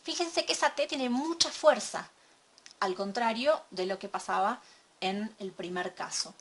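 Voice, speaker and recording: A woman teaching a recorded lesson from slides, explaining step by step and checking in with a quick question. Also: a little high. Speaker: English teacher.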